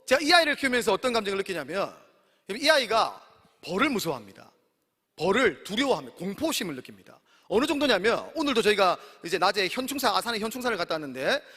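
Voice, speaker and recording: A man in his thirties preaching a sermon, animated and speaking often to his congregation. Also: high voice. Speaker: pastor. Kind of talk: sermon at a campus worship service. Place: large worship hall. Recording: long hall reverb.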